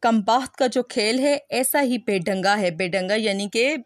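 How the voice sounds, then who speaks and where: A woman's voice: a little high, dry recording. A woman teacher reading a play aloud line by line and stopping to explain hard words in plain language. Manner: reads lines then explains words plainly.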